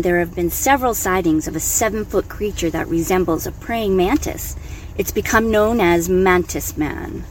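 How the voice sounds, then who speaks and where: A woman with a low voice reads a scripted news-style segment as the show's correspondent. A faint hum sits under her reading. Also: a little mellow, rough recording. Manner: read from a script.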